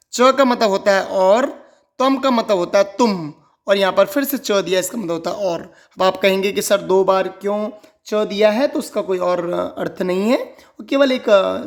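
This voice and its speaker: A man teaching a textbook lesson to children, reciting slowly and repeating each phrase with care. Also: high-pitched. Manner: slow, carefully spelled-out recitation and repetition.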